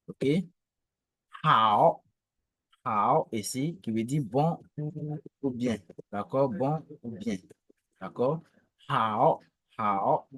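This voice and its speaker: Slow, patient male language teacher. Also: mid-range voice, fairly bright tone, no echo. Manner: patient, repeats each syllable several times.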